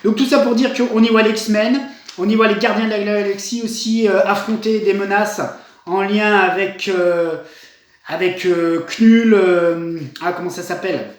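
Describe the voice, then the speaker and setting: Enthusiastic male reviewer, rambling delivery, fairly high voice, strong room echo. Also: steady tone, a little slow. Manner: enthusiastic, rambling with many fillers and restarts. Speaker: comics reviewer. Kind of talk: casual review monologue. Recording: very echoey room.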